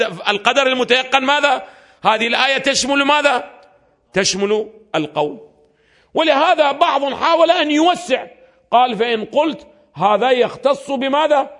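High-voiced man lecturing. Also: lively intonation, a little fast, a bit bright. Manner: asks his listeners rhetorical questions and answers them himself. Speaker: religious scholar lecturing. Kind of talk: classroom lecture on legal theory.

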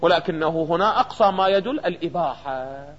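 A man with an Iraqi Arabic accent gives a seminary lecture on jurisprudence, his voice sitting fairly high. He keeps quizzing the class with rhetorical questions and answers them himself. The sound is dull and lo-fi, with a long reverb trailing off the hall. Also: lively intonation, fairly quick. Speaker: jurisprudence teacher. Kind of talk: seminary lecture on a legal text.

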